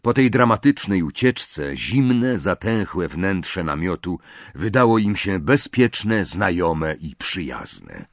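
A man reading an audiobook in expressive, measured storytelling. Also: low voice, no echo, studio quality. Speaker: audiobook narrator. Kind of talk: scripted narration.

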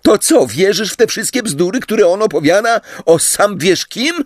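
A scornful teenage boy, all heat and sneer, pitched well above the man voicing him in a storybook reading. His lines leap about and bite, and the sound is close and dry. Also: lively intonation, normal speed, dry recording. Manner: heated, snapping. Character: angry teenage schoolboy, defensive and scornful.

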